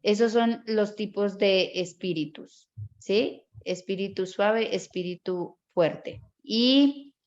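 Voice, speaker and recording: A woman's voice: medium pitch, takes it slowly, a little mellow, muffled recording. A woman teaching a Bible course class, explaining step by step and often checking in with her students. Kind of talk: online class lecture.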